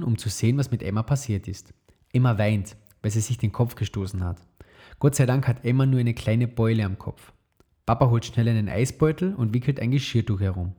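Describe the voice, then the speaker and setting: A man's voice: medium pitch, a little mellow. Man reading a children's story aloud.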